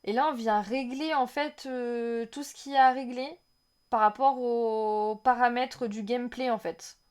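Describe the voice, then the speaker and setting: A fairly high-voiced woman talks her way through a game trailer on a live stream, speaking straight to her viewers. She rambles, restarts and reads their chat aloud, and bursts out in excitement whenever something new shows up on screen. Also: a little slow, clean tone. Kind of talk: casual live-stream reaction.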